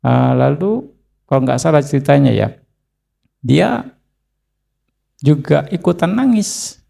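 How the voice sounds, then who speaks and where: A man, a Buddhist monk, giving an unhurried, conversational dharma talk that is full of filler tags and answers a listener's question. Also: a little high, very animated, vocal fry, mellow. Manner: acts out story dialogue with a raised voice.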